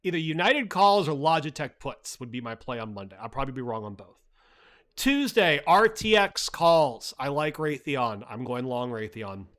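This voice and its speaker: A man's voice: mid-range voice, very animated, moderate pace, fairly bright tone. A man hosting a livestream, casually talking through the market, blunt and profane, filling his talk with "like" and "right?". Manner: chatty, reads chat, frequent "like" and "right?". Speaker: livestream host.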